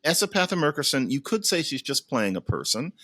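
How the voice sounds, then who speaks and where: A man's voice: on the high side, sing-song, fairly quick, a bit bright, dry recording. A man in his fifties, a podcast guest, giving opinionated, emphatic critique in casual chat. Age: 50s.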